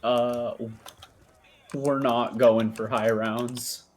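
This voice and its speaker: A man's voice: medium pitch, little pitch movement, drawn-out words. Man, game streamer, playful casual chat, laughs a lot, mid-range voice.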